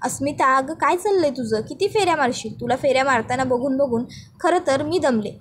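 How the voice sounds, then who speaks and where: A woman's voice: high-pitched, lively intonation, fairly quick, a little hiss or hum. A woman voicing a fond grandmother who teases her restless granddaughter. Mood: teasing. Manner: teasing, affectionate.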